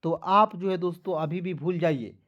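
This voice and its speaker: Male online tutor, high voice, repetitive question-and-answer drilling, dull recording. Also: normal speed, fairly bright tone. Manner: repetitive, drilling, asks questions back to viewers. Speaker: English teacher. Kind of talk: spoken spelling lesson.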